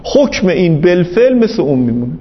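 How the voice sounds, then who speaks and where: A man's voice: high voice, very animated, in a large hall, lo-fi sound. A man teaching Islamic jurisprudence in a seminary lecture, arguing his point patiently and repeating it with emphasis.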